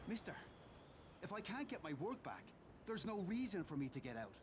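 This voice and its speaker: A man's voice: high-pitched, very animated, fairly quick. An actor playing a weary, earnest male journalist with an Irish accent who is trapped in a quarantined city. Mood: pleading. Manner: earnest, pleading. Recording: game audio with clear background noise.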